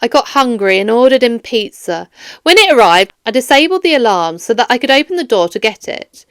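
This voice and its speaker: For a children's audiobook, a woman voices a flustered, defensive male security guard, pleading and protesting emphatically. Her voice is fairly high, very animated, a little fast, a bit bright and smooth, recorded in a clean studio with no room sound.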